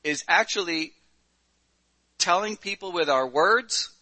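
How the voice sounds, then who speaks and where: Bright-voiced male preacher. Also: high-pitched, expressive, takes it slowly, poor audio. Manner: plain-spoken, self-deprecating with hesitant fillers. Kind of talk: sermon with story reading.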